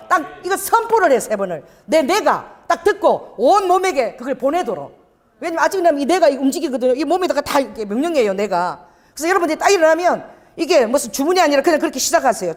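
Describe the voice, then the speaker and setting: A middle-aged woman pastor preaching a lively Pentecostal sermon, telling a healing story and firing off rhetorical questions. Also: high-pitched. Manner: animated preaching, rhetorical questions, acts out scenes. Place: church sanctuary. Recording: church hall reverb.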